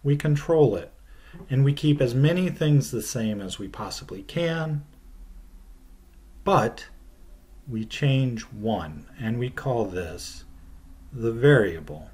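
A middle-aged male teacher delivers a recorded science lecture from his desk, filmed on a webcam in a small, plain room. He speaks slowly and unhurriedly in an ordinary mid-range voice with lively intonation and a darkish tone, laying out each idea carefully and letting his phrases trail off at the end.

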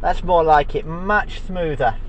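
A man's voice: a little high, measured pace, slight background noise. A man in his forties giving dry, understated commentary while testing an old car, filmed on a handheld camera inside and around the vehicle. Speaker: vlogger. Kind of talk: casual running commentary. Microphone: handheld action camera. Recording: faint engine idle behind.

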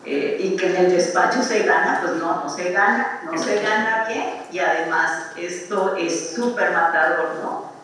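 A man's voice: high-pitched, unhurried, pushed and bright. A man reflects informally in a lecture, conversational and often ending phrases with tag questions. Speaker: speaker at an architecture lecture. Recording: distant, very echoey room, faint noise.

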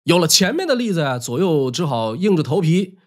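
A man's voice: a little high, very animated, a little fast, a little mellow. A man telling history in a wry, colloquial storytelling style.

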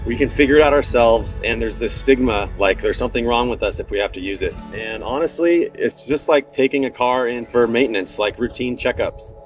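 A man's voice: medium pitch, a little fast, hardly any pauses. Middle-aged man, earnest conversational sponsor read, indoors, faint music.

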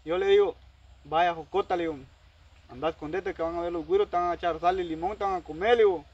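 A man's voice: high-pitched, animated, quick pace, highs cut off. A man telling a long personal story in casual talk, acting out both sides of the conversation. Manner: rambling, heavy use of quoted dialogue. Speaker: storyteller recounting a personal dispute.

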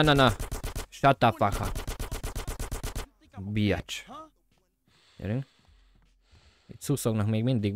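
Guy doing let's play commentary, jokey, swears, keeps yelling at the game. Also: fairly low pitch, dry recording, clean studio sound. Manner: excitable, yelps and shouts at the game, swears; jokey self-talk to viewers. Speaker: gameplay commentator.

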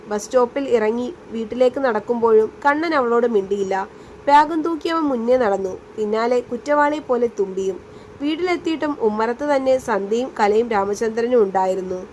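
A woman reading a serialized romance story aloud as a storyteller, in a steady storybook narration. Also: a little high, a little hiss or hum.

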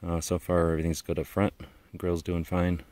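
Holding an action camera, a male vlogger walks around his van outdoors in a mountaintop parking lot, rambling easily with lots of "uh" fillers. His voice is low-pitched at a moderate pace, and the recording sounds dry, with clear background noise.

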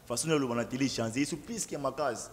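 A man chatting excitedly as a guest on a studio talk show, rapid and animated, repeating himself and mixing French with Lingala. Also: mid-range voice, big-room sound, background noise.

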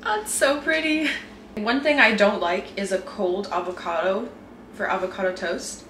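Making breakfast in her kitchen at home, a young vlogger talks to her handheld camera mic in a chatty, casual way, saying "like" a lot. She speaks at a measured pace in a medium-pitched, fairly bright voice, and the recording has room echo and faint noise.

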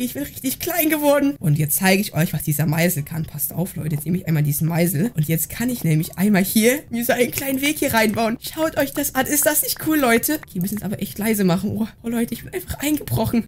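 A woman gaming YouTuber commenting excitedly on a Minecraft prank, constantly talking to her viewers. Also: a little high. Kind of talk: Minecraft let's play commentary.

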